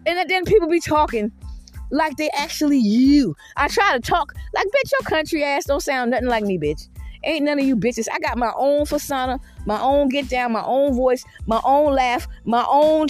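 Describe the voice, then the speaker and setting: A woman in her fifties giving a blunt, profane, confrontational monologue, full of "you know what I mean" asides. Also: high-pitched. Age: 50s. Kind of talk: defiant monologue rant.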